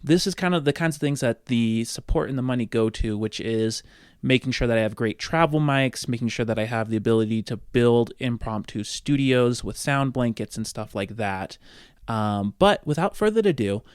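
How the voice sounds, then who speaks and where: Speaking in an animated, mid-range voice at a moderate pace, a host and game master narrates a tabletop role-playing podcast. His manner is informal and chatty, and he speaks straight to listeners between bits of casual podcast talk.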